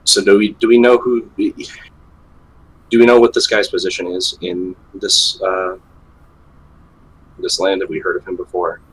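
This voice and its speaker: Very deep-voiced halting gamer man. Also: flat delivery, a bit bright, husky, poor audio. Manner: halting, filler-heavy. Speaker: player. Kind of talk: casual tabletop game talk.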